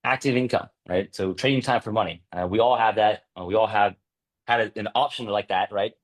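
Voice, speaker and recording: A chatty man in his thirties leading a workshop, his voice sitting a little low. He talks loosely and keeps checking in with the audience, and his pitch jumps up when he acts out old conversations. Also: a little fast. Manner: chatty, peppered with "right?" and "like"; acts out past dialogue with lively jumps in pitch. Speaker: workshop presenter. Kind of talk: casual workshop talk.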